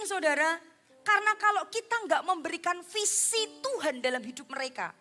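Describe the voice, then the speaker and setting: Woman pastor, sermon delivery, animated, dips to near-whisper; high voice; music bed behind. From Indonesia. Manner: animated preaching, acts out parent and child voices; drops to a soft near-whisper at times. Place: church. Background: background music.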